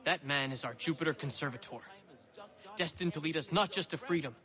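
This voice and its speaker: A man's voice: fairly high pitch, brisk, bright, forceful tone. A man playing an eccentric, talkative prisoner in a video game, scheming and theatrical, with a wry manner. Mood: fervent. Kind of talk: video game dialogue acting.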